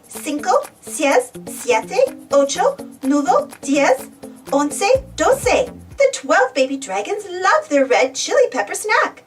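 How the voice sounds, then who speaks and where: This woman's high voice comes through a rough recording, captured far from the mic. She reads a children's story aloud with animation, exclaiming and posing questions to her young listeners.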